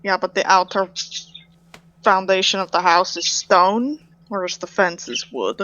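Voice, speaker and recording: A woman's voice: on the low side, steady tone, measured pace, sharp tone, no room sound. A woman playing a tabletop role-playing game, talking in a blunt, teasing way. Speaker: player. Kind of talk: tabletop role-play banter. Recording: dull lo-fi audio.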